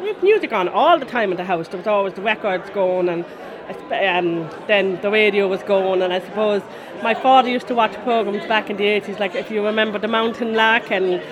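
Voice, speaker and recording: Interviewed casually after a concert, a Connemara woman in her forties, a folk musician with a west of Ireland accent, rambles happily through her stories. She speaks a little fast in a medium-pitched voice, the highs are cut off, and the crowd murmurs in the background.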